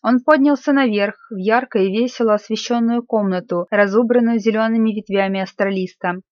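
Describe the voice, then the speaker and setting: A woman narrating a classic story in a measured, expressive reading voice. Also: medium pitch, no room sound. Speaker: audiobook narrator. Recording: slightly muffled dry recording.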